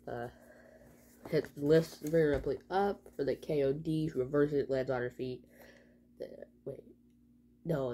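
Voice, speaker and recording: A young woman vlogger giving a rambling, excitable, slang-filled casual recap of a wrestling event. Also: a bass voice, a little hiss or hum.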